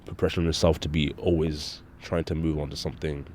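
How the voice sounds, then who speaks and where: Young guy with a super deep voice, stuffy nose, kinda nasal, rambling and cursing through a solo podcast. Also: level tone, quick pace, darkish tone, a little hiss or hum. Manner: rambling, swears often, self-deprecating. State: congested nose. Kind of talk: casual rambling monologue.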